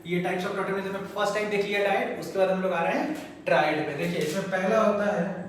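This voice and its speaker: A male chemistry teacher, lecturing at the board in a chatty, coaxing way and repeating terms slowly for students. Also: high voice, steady tone. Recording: very echoey room, mic far off, faint noise.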